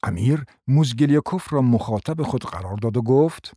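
A man narrating a radio play with an even, storytelling delivery. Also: medium pitch, breathy edge, no echo, clean studio sound. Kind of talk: scripted narration.

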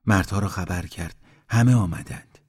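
Man, storyteller, calm, measured, slightly low voice. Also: husky. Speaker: narrator. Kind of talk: storytelling reading.

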